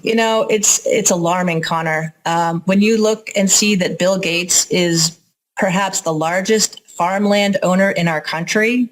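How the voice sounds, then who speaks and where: With a lowish voice and a measured pace, an American woman answers questions as an interview guest. She's an organic farmer and educator who explains things informally and candidly.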